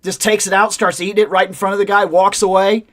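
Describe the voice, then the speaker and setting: Male co-host, high pitch, jokey and quick to laugh, keeps the bit going. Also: flat delivery, a bit bright. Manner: laughs often, riffs on jokes. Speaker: podcast co-host. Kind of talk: casual podcast chat.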